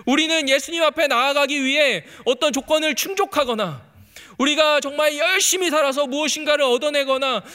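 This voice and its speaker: A male preacher delivers an earnest sermon, turning often to the congregation. His voice is very high and bright. A long reverb trails after his words, as in a large hall. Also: brisk. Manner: earnest, repeatedly addresses the congregation; reads scripture aloud and quotes it dramatically.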